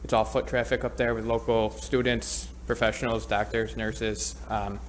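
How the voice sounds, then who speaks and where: Business owner guy asking for a permit, lots of ums, flat voice, faint room hum. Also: on the low side. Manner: hesitant, halting, many "um" fillers. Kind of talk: speaking at a public hearing.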